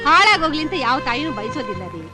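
Brief: a doting middle-aged mother, lively pleading voice, score behind. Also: sits high, fast talker, music in the background. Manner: pleading, defending her son. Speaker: the hero's mother. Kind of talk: Kannada film dialogue.

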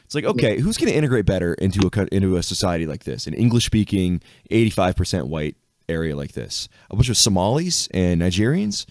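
Deep-voiced rambling male podcast host. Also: sing-song, fast talker, a little mellow, dry recording. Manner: rambling, filler-heavy, laughs often. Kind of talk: casual chat.

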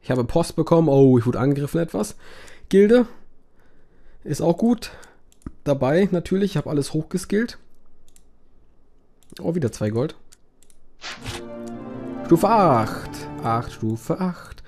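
A man's voice: a little high, animated, measured pace, gravelly, pauses often, warm tone, soft background music. Man cursing at a browser game. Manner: swears and groans at the game, dramatic outbursts. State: strained voice. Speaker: let's play gamer. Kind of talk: let's play commentary.

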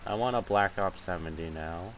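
A man's voice: low-pitched, moderate pace, muffled recording, a little hiss or hum. A man hosting a casual gaming video, chatting in a goofy, joking, slangy way with a friend. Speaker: gaming channel host.

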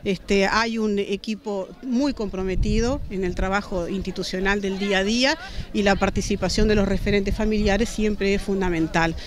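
A woman in her forties with a Uruguayan accent, a school principal answering a news interview outdoors, speaking in a measured way with many "este" fillers. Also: mid-range voice, steady tone. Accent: Uruguayan Spanish. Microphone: handheld reporter mics held to her face.

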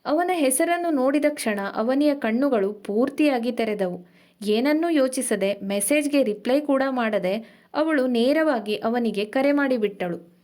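A woman's voice: sits high, lively intonation, measured pace, a little mellow. Woman narrating a serialized audio story.

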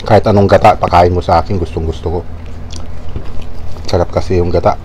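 Deep-voiced guy talking with his mouth full, chewing through a relaxed food vlog, noisy background. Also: normal speed. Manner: relaxed, savoring commentary on food. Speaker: mukbang vlogger. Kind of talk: casual eating vlog talk.

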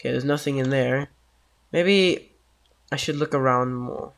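A man's voice: medium pitch, measured pace, creaky. A man who is sick, giving casual, jokey let's-play commentary on a horror game and getting easily spooked. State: sick, coughing. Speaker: gameplay commentator.

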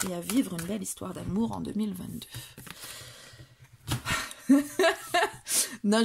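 A woman's voice: medium pitch, gravelly, noisy background. A woman doing a casual tarot reading for viewers, talking with many hesitations and restarts. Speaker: tarot reader.

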